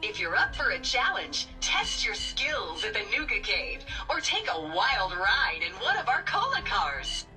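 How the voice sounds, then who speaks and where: A woman's voice: on the high side, sing-song, unhurried, hardly any pauses, pushed and bright, recorded from a distance, faint music behind, full character voice, rough recording. A woman voicing a cheerful female theme-park robot guide in a video game, with a malfunctioning machine voice and chipper, salesy greetings.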